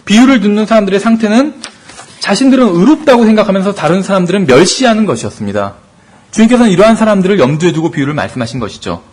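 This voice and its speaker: A man teaching a Bible study class as pastor, explaining points and asking rhetorical questions. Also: high voice.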